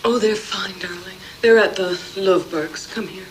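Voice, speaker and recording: A protective middle-aged mother, played by a woman, speaks softly and gently at home. Her voice has an ordinary middle pitch. Faint noise sits behind it. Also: measured pace, lightly acted, low-quality recording. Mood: grave, gentle. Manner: soft, gentle, breaking bad news.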